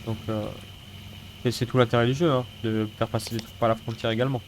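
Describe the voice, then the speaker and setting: Loud game audio of an engine and clattering machinery runs under a gaming host who has a head cold and a sniffly, stuffy nose. In a medium-pitched, level voice at a quick pace, he gives casual let's-play commentary full of swearing and mock complaints.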